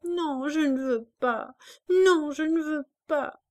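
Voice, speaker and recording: A woman's voice: lively intonation, slow pace, a little mellow, no echo, studio quality. A woman voicing a jealous, clingy little girl who begs and sobs, in a storybook reading. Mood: sobbing. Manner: begging, sobbing, raised high voice.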